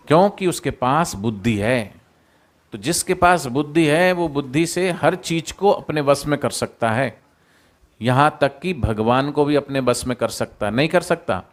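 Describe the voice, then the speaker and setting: A man telling a moral story to students in a sermon, animated, often quizzing the listeners and coaxing them to join in. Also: a little high.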